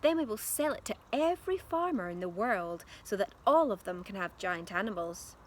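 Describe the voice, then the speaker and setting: A woman voicing an excitable, blustering father with grand schemes in a children's storybook, speaking emphatically. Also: mid-range voice, normal speed, a little hiss or hum, close to an everyday voice. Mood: feverish excitement. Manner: emphatic, insistent.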